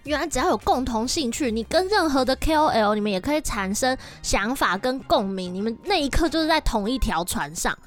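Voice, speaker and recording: A young woman, hosting a casual podcast and telling stories in a lively, chatty way. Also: sits high, fairly quick, few pauses, faint music behind. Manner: lively, chatty, animated storytelling. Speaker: podcast host.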